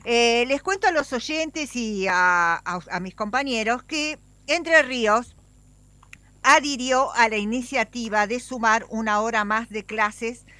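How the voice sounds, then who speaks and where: A woman's voice: on the high side, slow pace, bright, forceful tone, no room sound. A woman with an Argentine accent hosting a live radio interview in a chatty, conversational way. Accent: Argentine Spanish.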